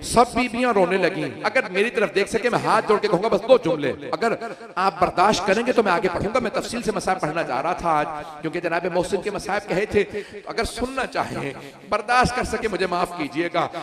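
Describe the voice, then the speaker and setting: A male preacher giving a mourning sermon, rising into a loud wailing lament as he tells the story. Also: high voice, lively intonation, fairly quick. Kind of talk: majlis sermon recounting tragedy. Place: large hall with gathered listeners. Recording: noisy crowd of mourners.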